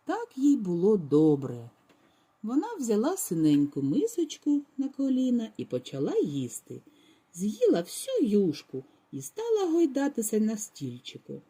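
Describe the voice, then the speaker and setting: A woman teacher tells a story to young children with lively, swooping intonation. Her voice is mellow and a little breathy. Afterwards she quizzes the class on what they heard. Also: fairly high pitch, measured pace. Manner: expressive, dramatic reading. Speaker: kindergarten teacher.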